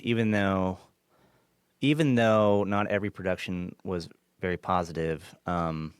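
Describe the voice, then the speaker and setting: A man's voice: deep voice, fairly even intonation, unhurried, clear, resonant tone, no echo, studio quality. A man from Kansas, a former film assistant director, chatting casually as a podcast guest, restarting sentences, laughing easily and swearing now and then. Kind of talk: casual interview chat.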